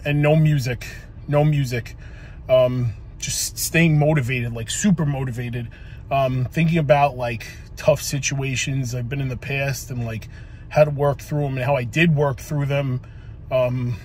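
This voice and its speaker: A police officer in his forties sits in his parked car giving a casual motivational talk to a phone camera on the dashboard. He rambles with lots of ums, likes, and casual swearing, in a medium-pitched, darkish voice with a little hiss or hum.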